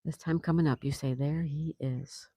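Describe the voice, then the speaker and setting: A woman's voice: sits low, steady tone, moderate pace, warm tone, no room sound. An older woman hosting a casual livestream, chatty, reading viewer comments aloud and laughing often. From South Florida, USA. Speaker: livestream host reading chat. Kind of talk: casual live-stream chat.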